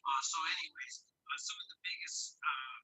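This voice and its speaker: A man's voice: on the high side, normal speed, sharp tone, breathy edge, in a whisper. A man co-hosting a casual local talk show over a remote line, his voice tinny and metallic like it is coming through a tin can, rambling with many fillers. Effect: tinny, metallic, garbled audio like a tin can. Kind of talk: casual chat.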